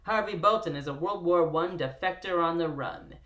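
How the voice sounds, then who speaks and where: Host doing a 1920s radio announcer: theatrical, punchy, middle pitch, roomy echo. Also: normal speed, fairly bright tone, dull audio, close to an everyday voice. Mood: dramatic. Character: old-timey 1920s radio announcer narrator.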